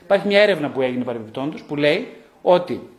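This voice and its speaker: A man's voice: on the high side, lively intonation. A middle-aged man, a psychologist and author, giving a live talk to an audience, repeating short phrases and asking rhetorical questions. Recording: echoey room.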